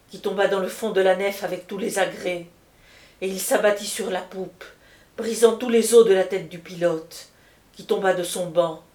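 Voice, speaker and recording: A woman reading an ancient epic aloud as scripted narration, measured and solemn. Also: medium pitch, a little mellow. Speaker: audiobook reader. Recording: roomy echo.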